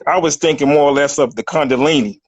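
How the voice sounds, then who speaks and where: A man from Virginia calling in to a live stream, talking in a halting, slangy way. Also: on the high side, muffled recording. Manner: halting, repeats words, slangy. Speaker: caller. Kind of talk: casual call-in chat.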